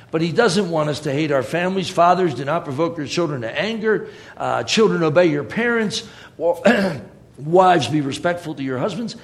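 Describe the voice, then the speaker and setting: A man preaching a sermon in a conversational way, with joking asides. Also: fairly high pitch.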